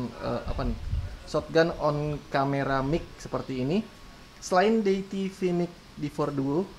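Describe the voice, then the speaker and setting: A tech reviewer with an Indonesian accent talks casually to camera outdoors, testing a camera-top microphone aloud as he turns it front and back for his vlog demo. His voice is medium-pitched, with a little hiss or hum in the audio.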